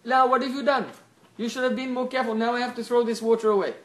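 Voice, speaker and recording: Guy putting on a snooty young wife voice, way up high, shrill and scolding, echoey room. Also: flat delivery, quick pace, a bit bright. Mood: indignant scolding.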